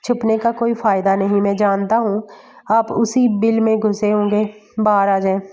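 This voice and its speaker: Scheming cousin, mocking and cold, flat and mellow, read by a woman. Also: medium pitch, lightly acted. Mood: taunting. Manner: taunting, mocking. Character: sneering scheming young man, rival cousin.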